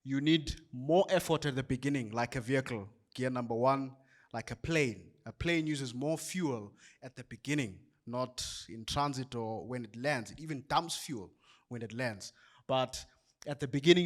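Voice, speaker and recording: A man's voice: mid-range voice, moderate pace. South African man wrapping up an event. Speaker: event host. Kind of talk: closing remarks at an event.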